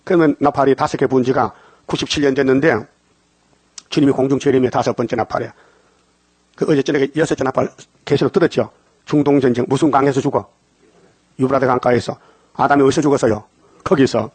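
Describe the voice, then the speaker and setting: A man's voice: medium pitch, fairly even intonation, a little fast, long pauses, a little mellow, slightly rough, no room sound. An older man preaching a dawn sermon, firing questions at the congregation and answering them himself. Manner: call-and-response questions to the congregation.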